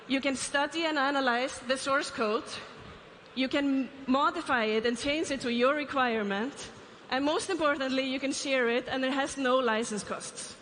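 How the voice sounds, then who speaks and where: Her voice sits high and a bit bright, with a little hiss or hum on the track. She is an Icelandic CEO giving a keynote from a large conference stage, asking the crowd questions and tossing in light asides, while the hall reverberates with faint ambience.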